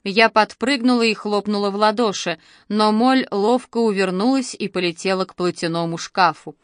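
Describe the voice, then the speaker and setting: A woman narrating a first-person novel in a measured, expressive storytelling voice. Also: medium pitch, no room sound, studio quality. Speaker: audiobook narrator.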